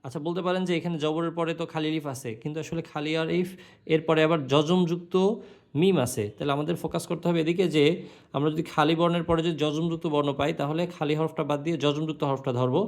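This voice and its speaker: A man teaching Quran recitation, spelling out each letter and vowel mark, then chanting the verse in long drawn-out notes. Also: on the high side, steady tone. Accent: Bangladeshi Bengali.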